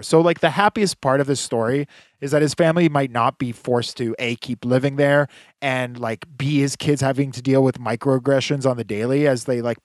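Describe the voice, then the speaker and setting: A man's voice: mid-range voice, dry recording. A man co-hosting a podcast in casual chat, rambling with lots of fillers and dry, sarcastic asides. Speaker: podcast co-host.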